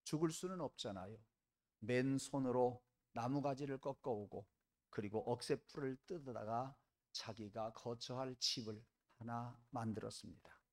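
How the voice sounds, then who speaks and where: A man preaching a sermon, telling a story vividly, with dramatic rises in pitch and loudness. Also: normal speed. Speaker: pastor. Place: church.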